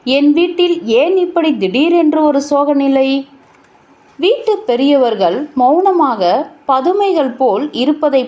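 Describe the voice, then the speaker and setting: Woman storyteller, high and animated voice, slow sorrowful short-story reading. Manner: unhurried, sorrowful storytelling with emphatic pauses.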